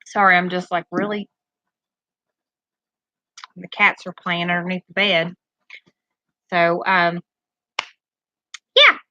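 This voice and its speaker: A woman's voice: fairly low pitch, little pitch movement, takes it slowly, pauses often, bright, forceful tone, dry recording, highs cut off. A woman chatting casually to her live-stream audience from her bedroom, a little nervous and rambling, often losing her train of thought. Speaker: tarot reader and streamer. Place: bedroom at home, pets nearby.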